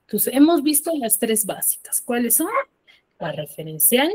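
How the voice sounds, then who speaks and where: A woman teacher giving an online class, explaining step by step and often checking with quick tag questions. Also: on the high side, very animated, darkish tone, husky. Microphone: video call.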